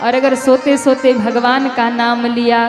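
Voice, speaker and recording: A woman's voice: on the high side, level tone, unhurried. A woman preacher giving a devotional storytelling sermon. She speaks conversationally, talks straight to her audience, and chides them lightly. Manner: conversational, addresses the audience directly, lightly chiding. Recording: echoey hall with music behind.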